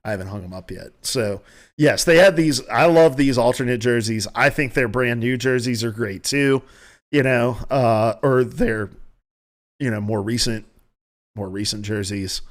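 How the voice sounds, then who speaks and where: Speaking in an unhurried, mid-range voice, this podcast host talks from home with a clear Southern country accent. He rambles, shares strong opinions, and keeps backing up to restart and fix his sentences.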